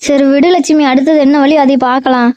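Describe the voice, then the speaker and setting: A woman playing a calm older sister who soothes and reassures, on a dull, dry recording. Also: high-pitched, brisk, dry recording, close to an everyday voice. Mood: soothing.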